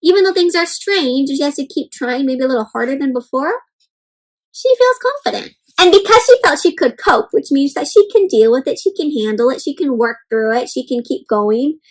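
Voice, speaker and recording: Reading a children's picture book aloud at a normal speed, a woman with a high, expressive voice hosts an interactive session. She uses simple, encouraging phrases and asks questions of her young listeners.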